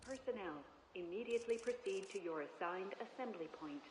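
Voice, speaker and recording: A composed, formal female announcer speaks over a public address loudspeaker in a video game. Her delivery stays even and instructive, heard from a distance. Loud noise fills the scene around her. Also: medium pitch, brisk. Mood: calm urgent.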